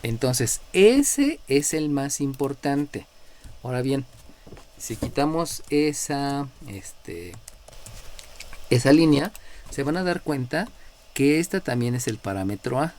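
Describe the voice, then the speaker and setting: A man's voice: medium pitch, very animated, takes it slowly, a little mellow, a little hiss or hum. A man with a Mexican accent lecturing as a math teacher in a live class, explaining step by step and checking in with his students. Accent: Mexican Spanish. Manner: explanatory, checks in with frequent "¿no?", calls on students by number.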